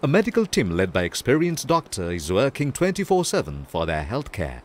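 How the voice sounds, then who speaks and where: A man giving scripted documentary narration in a measured, formal way. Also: mid-range voice, wildly swooping pitch, a little hiss or hum.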